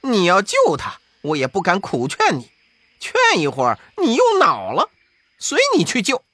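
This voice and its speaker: A woman's voice: lowish voice, huge pitch swings, normal speed, a bit bright, husky, no echo, full character voice. A woman voicing a cheeky, laughing monkey king who teases as he speaks, in a dry recording. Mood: teasing. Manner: chuckling, teasing.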